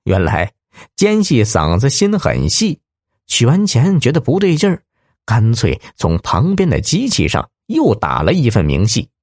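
Fields: Sex: man. Role: storyteller. Style: audiobook story narration. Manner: lively, expressive. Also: medium pitch, a little slow, no room sound, studio quality.

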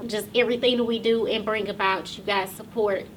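A woman's voice: mid-range voice, steady tone, brisk, far from the mic, a little hiss or hum. A woman hosting her own podcast and talk show, speaking casually to viewers in a loose, chatty way with many ums, close to tears.

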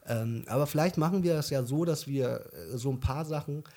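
A young man whose first language is German co-hosts a casual podcast, rambling through a relaxed chat with lots of fillers and restarts. His voice is fairly high and dark-toned, and he talks briskly.

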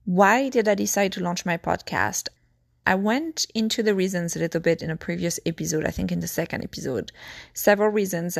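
A woman hosting her own podcast in casual solo chat, slightly hoarse from losing her voice, talking in a chatty, reflective way and listing her points one by one, recorded on a phone. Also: fairly low pitch, dry recording, studio quality. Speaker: podcast host.

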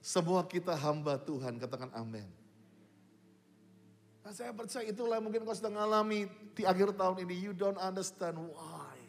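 A man's voice: high-pitched, expressive, moderate pace. A man preaching a sermon as a pastor, emphatic and drawn out, mixing in English phrases. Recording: long reverb of a large hall.

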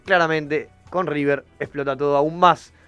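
A man's voice: fairly high pitch, steady tone, normal speed, sharp tone, smooth, no room sound, muffled recording, soft background music. A young man with an Argentine accent, hosting a casual chat show in a playful, teasing way. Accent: Argentine Spanish. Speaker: podcast host.

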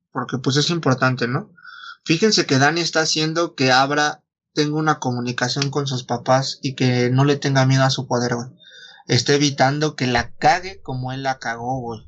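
A man's voice: medium pitch, a bit bright, muffled recording. A Mexican man retelling a story in casual chat, slangy and foul-mouthed, acting out the dialogue as he goes. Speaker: podcast host retelling a story.

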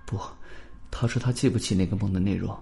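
A man's voice: fairly low pitch, fairly even intonation, quick pace, gravelly, mellow. A man reading an audiobook voices a frightened, agitated teenage boy with tense, pleading speech.

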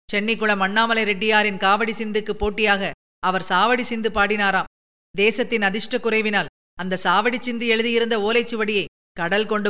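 A woman reading a story, voicing an eager, talkative young man who speaks in rapid, excited bursts. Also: mid-range voice, smooth, lightly acted.

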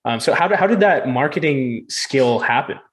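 A man's voice: medium pitch, expressive, moderate pace. A young man hosting a podcast, asking long, loosely phrased questions with lots of fillers. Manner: asks long rambling questions with many fillers. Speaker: podcast host. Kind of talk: casual interview conversation.

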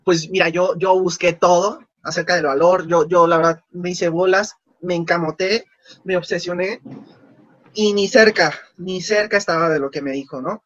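A man's voice: high voice, moderate pace, no room sound, highs cut off. A man, casually telling stories in an interview and acting out the dialogue. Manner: animated, acts out quoted dialogue. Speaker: guest.

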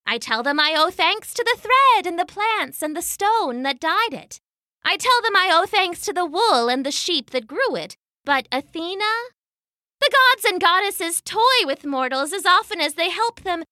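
Woman doing a high bright defiant young weaver girl, proud and scornful. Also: no room sound, studio quality, heavily acted.

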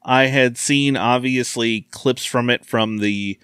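A man who is a guest on a casual film discussion podcast, talking in a relaxed way and laughing easily. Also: mid-range voice, takes it slowly, smooth, dry recording.

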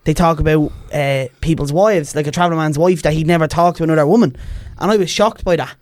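A man's voice: a little high, fast, no echo. A man in his twenties with a Dublin Irish accent, telling stories colloquially in casual podcast chat. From Ballymun, Dublin, Ireland. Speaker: podcast guest.

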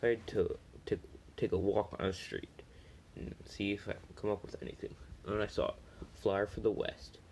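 A man's voice: fairly low pitch, normal speed, vocal fry, darkish tone, a little hiss or hum, poor audio. A man reading a first-person story aloud, plainly, with small slips and restarts.

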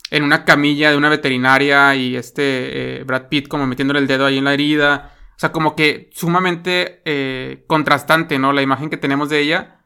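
A man with a Mexican accent talks through a favorite film scene in loose, rambling chat, leaning on fillers and tag questions. His voice sits a little high and comes across bright and crisp. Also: steady tone, brisk. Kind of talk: casual film discussion.

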